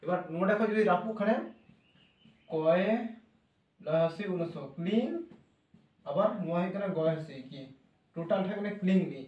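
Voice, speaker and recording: A man teaching English pronunciation, slowly spelling out sounds letter by letter in a classroom-style lesson. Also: high voice, dull audio. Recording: echoey room, voice from a distance.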